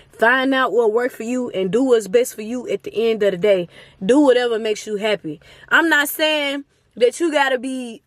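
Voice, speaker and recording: Young woman in her 20s, high voice, earnest vlog talk, dry close sound. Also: no echo. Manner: earnest, emotional, addresses viewers as y'all. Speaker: vlogger. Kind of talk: casual motivational talk to camera.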